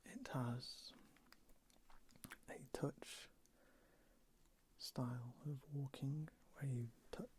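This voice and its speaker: An ASMR creator whispering softly and close to the ear while showing and talking about items. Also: mid-range voice, steady tone, extremely slow, long pauses, a little hiss or hum. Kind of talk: whispered ASMR show-and-tell. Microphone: close stereo ASMR microphones.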